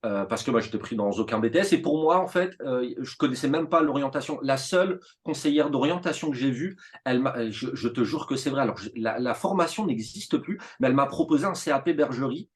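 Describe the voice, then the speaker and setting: A man's voice: mid-range voice, brisk, hardly any pauses. Chatty man telling his story. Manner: animated storytelling with many fillers and restarts. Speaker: interview guest, teacher. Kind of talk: casual conversational interview.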